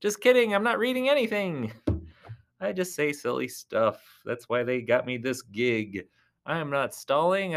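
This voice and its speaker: Someone playing a clown thumb-wrestling announcer, giggly, rambling, jokey, mid-pitched. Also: fairly bright tone. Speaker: commentator. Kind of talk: comic sports commentary.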